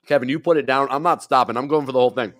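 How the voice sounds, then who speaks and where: A man's voice: mid-range voice, steady tone, rapid-fire, fairly bright tone, no room sound. A man hosting a promotional talk show in a studio, upbeat and salesy, speaking into a desk mic. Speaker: show host.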